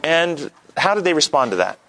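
A man's voice: a little high, very animated, moderate pace, pushed and bright. A man leading an interactive Bible lesson, talking conversationally and putting questions to his audience. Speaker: Bible study teacher.

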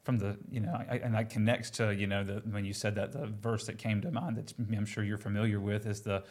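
Reflective man with a lowish voice. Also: fairly even intonation, brisk, a little mellow. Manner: thoughtful, reflective, scripture-minded. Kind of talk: casual chat.

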